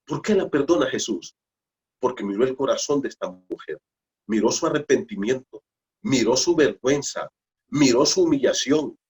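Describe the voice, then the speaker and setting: Emphatic preacher with lively pitch. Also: male voice, normal speed. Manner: emphatic preaching with repetition and rhetorical questions. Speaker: pastor. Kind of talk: sermon at a Bible study.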